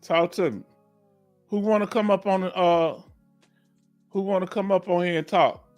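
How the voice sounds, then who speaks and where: This fifty-something livestream host, a veteran claims advisor, keeps his Q&A folksy, repeats himself, and nudges the audience to chime in. His high-sitting voice has fairly even intonation, a darkish tone, and normal speed, over soft background music.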